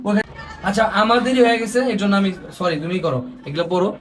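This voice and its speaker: A man playing a husband who defends himself and tries to calm his wife. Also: sits high, very fast. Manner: defensive, placating. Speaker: husband in a couple skit. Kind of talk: scripted domestic argument. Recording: noticeable background noise.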